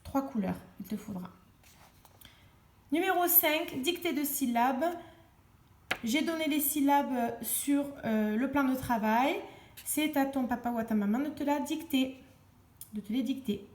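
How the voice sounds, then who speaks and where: Patient high-voiced woman teacher. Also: expressive, darkish tone, roomy sound. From France. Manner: slow, patient, spells out letters and sounds. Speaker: primary school teacher. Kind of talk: explaining homework exercises to young children.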